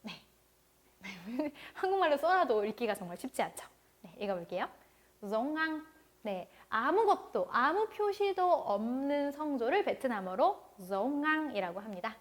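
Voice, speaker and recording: High-voiced woman teaching a language lesson. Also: sing-song. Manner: patient, repeats words slowly for learners to follow. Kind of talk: online language lecture.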